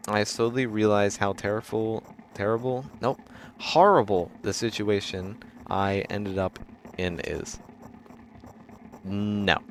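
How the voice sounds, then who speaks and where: A man streaming a game, reading its narration aloud in a halting way, stumbling and correcting himself, now and then breaking into loud dramatic shouts. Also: on the low side, steady tone, slight background noise. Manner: halting reading with frequent restarts and self-corrections.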